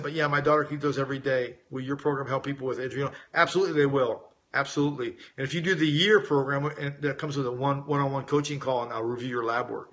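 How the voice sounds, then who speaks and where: A medium-pitched, fairly bright male voice belongs to a middle-aged American man who grew up in Las Vegas. He's a weight-loss coach hosting a live Q&A, reading viewer questions in a casual live-stream chat. He answers them informally as a coach, in a conversational style that speaks directly to his viewers.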